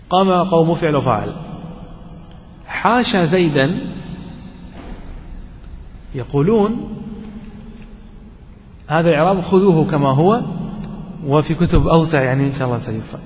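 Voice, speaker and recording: A man teaching an Arabic grammar lesson to a class. He keeps checking that the students follow with quick questions, and he repeats his examples slowly. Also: fairly high pitch, a little mellow. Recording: dull lo-fi recording in a hall with long reverb.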